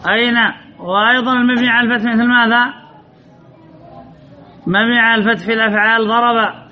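Man, very high bright voice, classroom teacher drilling the rules on a muffled recording. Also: level tone, fast. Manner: quizzes the class, repeats key points. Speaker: grammar teacher. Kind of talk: classroom lesson with student questions.

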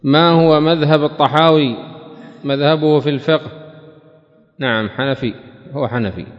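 A male religious teacher giving a question-and-answer lesson, asking each question twice before answering it in a measured, deliberate way. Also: fairly high pitch. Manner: asks questions twice, then answers them. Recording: reverberant hall, dull lo-fi sound.

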